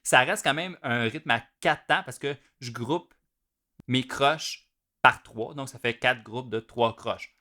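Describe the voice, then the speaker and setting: A man's voice: medium pitch, slow pace, bright, forceful tone. Québécois man counting drum beats aloud. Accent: Québécois French. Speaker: drum teacher. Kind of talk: instructional video explanation.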